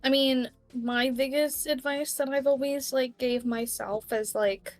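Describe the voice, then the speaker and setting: A woman's voice: high voice, fairly even intonation, unhurried. A young woman guest chatting casually, rambling with lots of fillers. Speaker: guest club owner. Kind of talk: casual chat.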